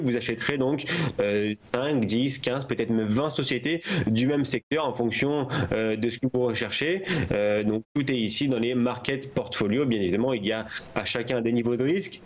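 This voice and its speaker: A man's voice: mid-range voice, dull audio. A man presents a product as an interview guest over a remote link, explaining with hesitations and repeated words. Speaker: guest account manager presenting a trading platform. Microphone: remote duplex link.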